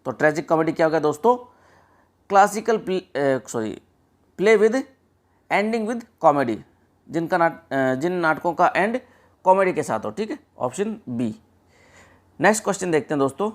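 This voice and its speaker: A man's voice: fairly high pitch, expressive, fairly quick. Man, exam-prep teacher, explanatory lesson, step by step, frequent check-ins. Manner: explains step by step, often saying "ठीक है" and addressing friends; mixes English terms into Hindi explanation.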